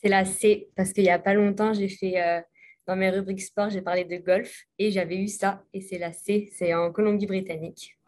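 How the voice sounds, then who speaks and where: A woman answering as a quiz contestant on a radio show in a steady, matter-of-fact way. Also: mid-range voice, moderate pace. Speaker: quiz contestant and sports columnist. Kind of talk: casual on-air answer.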